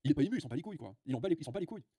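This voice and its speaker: A man's voice: on the high side, sing-song, rapid-fire, dark tone, breathy edge, no echo, clean studio sound. A man hosting a livestream, ranting bluntly to his viewers with many filler sounds and restarts. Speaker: livestream host. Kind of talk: casual livestream rant.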